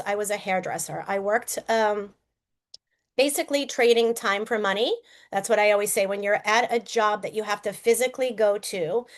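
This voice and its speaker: A network marketing presenter in her fifties from the Boston area, USA, with a Boston accent and a slightly high voice, leads a live-streamed sales presentation. She treats viewers like friends, often adding "right?" and asking them to drop a comment.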